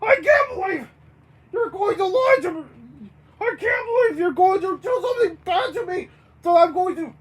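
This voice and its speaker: A raging, foul-mouthed man , as a storyteller puts him on, hollers threats in a raised, strained voice. He trips over his words mid-rant, and his pitch swings widely while he speaks slowly. It sounds like a homemade audio story. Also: lively intonation, poor audio. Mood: furious. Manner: shouting, stumbling over words.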